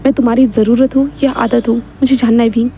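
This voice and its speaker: A woman's voice: fairly high pitch, steady tone, quick pace, dark tone, slight background noise, natural voice. Woman playing a teasing young male teacher.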